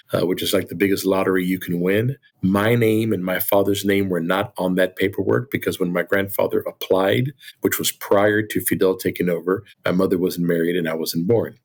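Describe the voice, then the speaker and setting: A man's voice: low voice, steady tone, moderate pace, few pauses. A middle-aged man from Cuba, a company president, telling his family's immigrant story in an earnest, grateful way. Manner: earnest, grateful, repeats words when starting a thought. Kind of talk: reflective storytelling interview. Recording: music bed underneath.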